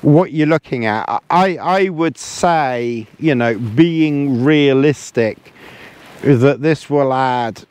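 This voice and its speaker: Tucked into a sleeping bag in a small tent, an outdoor gear vlogger chats about camping gear in a rambling, repetitive way, chuckling now and then. He speaks slowly in a medium-pitched, smooth, a little mellow voice.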